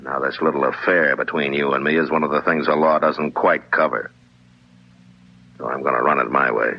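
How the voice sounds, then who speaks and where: An American actor playing a stern, fearless frontier marshal in a radio western, gruff, commanding and dryly sardonic. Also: male voice, a bass voice, steady tone, normal speed, full character voice. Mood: menacing. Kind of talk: 1950s radio acting. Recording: muffled, noisy 1950s radio recording.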